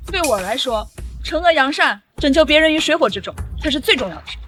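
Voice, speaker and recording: Sharp, principled female lawyer, quick and high, firm delivery. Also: lively intonation, faint music behind. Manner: firm, earnest. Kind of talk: short drama acting.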